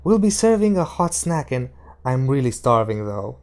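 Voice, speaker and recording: A man reading an audiobook and voicing a grave, hungry gunslinger who speaks quietly and slowly. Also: medium pitch, sing-song. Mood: weary.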